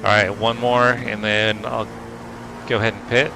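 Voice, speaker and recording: A man's voice: lowish voice, little pitch movement, normal speed. A man streaming while he races, chatting casually with viewers and muttering asides to himself as he drives. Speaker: sim racing livestreamer and driver. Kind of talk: casual livestream chat while racing. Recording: clear car engine noise behind. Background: racing car engine.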